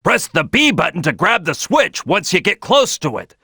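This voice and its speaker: In clean, echo-free studio audio, a man voices a big, brash cartoon crocodile team leader in a video game, delivering tutorial tips with punchy emphasis. His exaggerated voice is high, bright and pushed, with wide pitch swings, a breathy edge and a moderate pace. The mood is upbeat and instructive.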